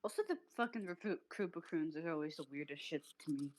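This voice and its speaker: A woman chatting excitedly during a game, swearing freely. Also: sits low, fast. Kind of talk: casual gaming chat.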